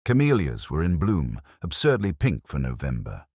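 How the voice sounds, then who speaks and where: A man playing a brooding, literate police inspector, narrating a detective drama in a measured, wry, reflective way. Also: extremely low pitch, wildly swooping pitch, a little mellow, husky, no echo, studio quality, full character voice. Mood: dry, observant. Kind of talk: scripted first-person detective drama narration.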